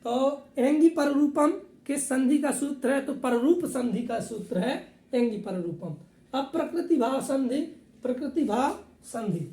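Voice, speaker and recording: A woman's voice: high-pitched, warm tone, echoey room. A woman teaching Sanskrit grammar patiently, repeating each rule and asking it back as a question. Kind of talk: classroom explanation.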